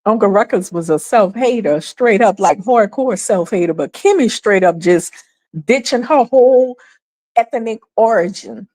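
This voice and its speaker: Woman, casual commentary host, animated, laughs often. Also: moderate pace. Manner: animated, laughs often, acts out quoted people in a higher voice.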